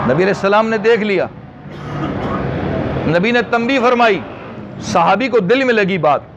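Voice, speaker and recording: On a dull lo-fi recording with background noise, a man with a Pakistani Urdu accent delivers a religious sermon in a voice that sits high. He preaches emphatically, repeating phrases and posing rhetorical questions.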